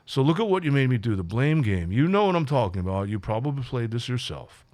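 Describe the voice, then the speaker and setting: A man's voice: medium pitch, sing-song, fast, darkish tone, dry recording. A man who works as a life coach, talking casually and reflectively to his audience, with frequent fillers and restarts. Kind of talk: solo talk to camera.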